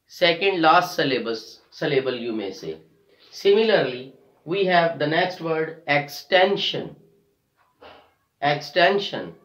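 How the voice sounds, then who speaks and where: A man teaching an English lesson, explaining syllable stress and spelling out letters while slowly repeating example words. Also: a little high, a bit bright, roomy sound, rough recording. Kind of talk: classroom lesson on word stress.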